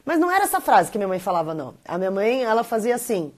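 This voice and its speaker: A woman's voice: medium pitch, rapid-fire. A woman in her thirties with a Brazilian accent, hosting a casual live stream, talking animatedly and reading viewer comments. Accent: Brazilian Portuguese. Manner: chatty and animated, quoting others in playful voices.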